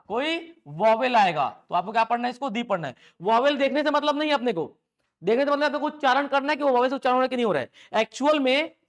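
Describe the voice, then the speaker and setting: A man teaches an English grammar class in a strikingly high voice. He quizzes the room and answers the questions himself. When he dictates, he slows right down and repeats each line for note-taking. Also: fairly bright tone. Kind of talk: classroom lecture.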